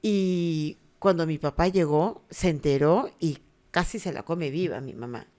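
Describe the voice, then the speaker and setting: A woman's voice: sits low, unhurried, a little mellow. A middle-aged woman with a Peruvian Spanish accent, co-hosting a casual chat and acting out quoted voices as she tells stories. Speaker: podcast co-host.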